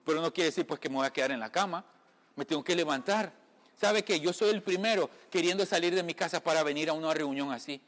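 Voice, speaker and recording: A man's voice: fairly high pitch, quick pace, fairly bright tone. A man from the Caribbean giving an informal sermon, talking conversationally to his listeners, often calling them brother and checking they follow. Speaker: lay preacher. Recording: long reverb from a room.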